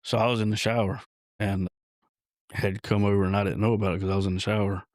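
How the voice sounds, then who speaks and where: A lowish male voice, recounting his story as a podcast guest. He talks haltingly, stopping and restarting often. The sound is dry and close, with no room echo. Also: flat delivery, a little mellow. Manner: halting, with many restarts and fillers. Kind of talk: personal storytelling in an interview.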